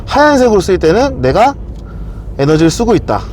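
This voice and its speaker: A man's voice: high voice, sing-song, fairly quick, a little mellow, slight background noise. A man presenting a casual explanatory walkthrough, often asking questions and answering them himself. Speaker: car video presenter.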